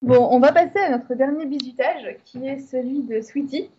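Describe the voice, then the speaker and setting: High-pitched woman, teasing co-host, casual chat, dull lo-fi audio. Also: normal speed, mellow. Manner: teasing, laughs often. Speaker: radio show co-host.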